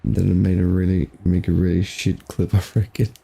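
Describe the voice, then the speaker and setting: A man's voice: deep voice, completely flat delivery, brisk, creaky, dark tone, breathy edge. A man streaming a game, joking and rambling as he plays. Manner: joking, rambling, mock impressions. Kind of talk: casual gaming commentary.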